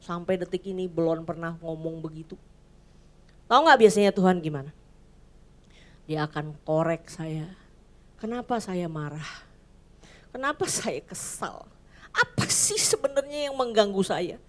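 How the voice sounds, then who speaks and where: A woman pastor giving a sermon in church, chatty and lively, often acting out little voices. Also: on the low side, a little slow, long pauses. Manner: lively, conversational, acts out voices.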